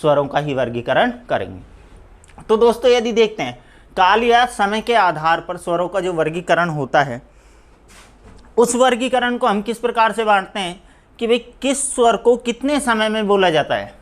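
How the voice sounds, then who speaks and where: Male teacher with a Rajasthani Hindi accent, running a live exam-prep class, answers his own questions and dictates slowly. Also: high voice, expressive. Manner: asks questions then answers them himself; repeats "दोस्तों" often. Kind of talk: live online grammar class.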